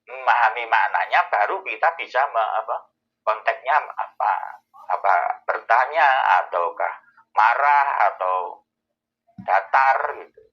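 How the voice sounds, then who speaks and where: A man, explaining answers to a host's questions in a thoughtful way, pausing often to find his words. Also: fairly low pitch, muffled recording. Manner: thoughtful, with many pauses and fillers. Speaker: Islamic scholar answering questions. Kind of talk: explanatory Q&A talk.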